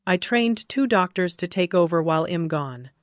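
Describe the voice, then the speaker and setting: A woman's voice: lowish voice, lively intonation, normal speed, no echo, clean studio sound, lightly acted. A woman reading the lines of a caring young male doctor, a husband who speaks eagerly and tenderly.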